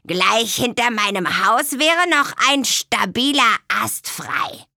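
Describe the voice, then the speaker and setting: A woman voicing an old female swamp witch with a croaky voice, speaking slowly and calling out in a storybook reading. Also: a little high, lively intonation, bright, forceful tone, no room sound, clean studio sound, voice pushed up, heavily acted. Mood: kindly.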